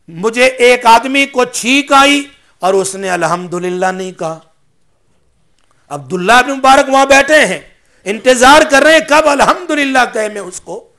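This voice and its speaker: High bright-voiced male preacher. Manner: mixes in English phrases; asks the audience questions. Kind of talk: religious sermon.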